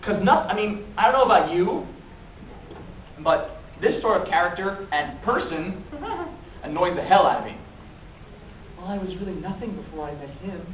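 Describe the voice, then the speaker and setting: A man speaking at a fan convention panel, animated and profane, laughing often and acting out quotes, recorded in an echoey hall from far off. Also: high-pitched, normal speed, long pauses, slight background noise.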